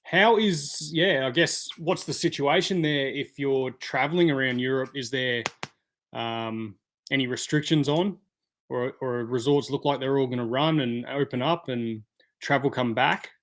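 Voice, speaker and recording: A man's voice: mid-range voice, unhurried, fairly bright tone. A man hosting a casual live stream, chatting and answering viewer comments by name. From Australia.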